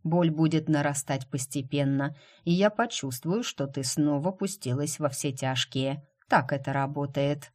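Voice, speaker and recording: A cool, self-assured nobleman from an audiobook speaks slowly with dry mockery, voiced by a woman reader in a low register. He never raises his voice. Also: darkish tone. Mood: calm. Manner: unhurried, dryly teasing. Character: calm, mocking aristocratic count, adult man.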